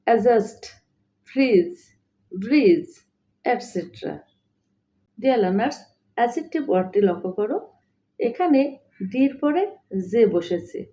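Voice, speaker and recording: A woman with a high-leaning, mellow voice teaches English pronunciation slowly and in stages. She says each rule twice, spells words one letter at a time and addresses listeners as dear learners.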